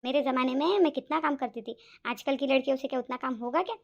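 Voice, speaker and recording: A woman voicing a bossy, sharp-tongued elderly mother-in-law in a cartoon, talking in a scolding, complaining way. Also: sits high, fast talker, creaky, lo-fi sound. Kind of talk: cartoon voice acting.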